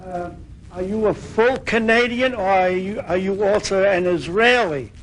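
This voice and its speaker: High-voiced man pressing questions. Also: rough recording. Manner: quick, pressing follow-up questions. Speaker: audience questioner. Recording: faint room noise, speaker away from mic.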